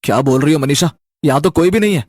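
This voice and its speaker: A woman's voice: sits low, fast, no room sound, studio quality, voice pushed down. A woman voicing an easygoing, reassuring young husband in a spoken story. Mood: puzzled. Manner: relaxed, reassuring.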